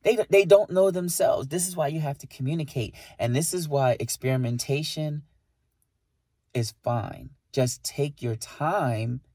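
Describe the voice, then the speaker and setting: A man's voice: a little high, measured pace, warm tone, no echo, studio quality. A man co-hosting a podcast, talking casually and emphatically about relationships, with lots of rhetorical questions. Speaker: podcast co-host.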